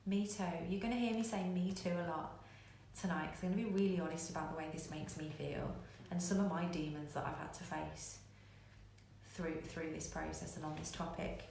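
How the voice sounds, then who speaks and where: A business coach hosting a live online show speaks candidly to her viewers, repeating phrases emphatically to drive her points home. Her voice is low and gravelly with a darkish tone, steady and a little fast. The room is very echoey, with faint noise.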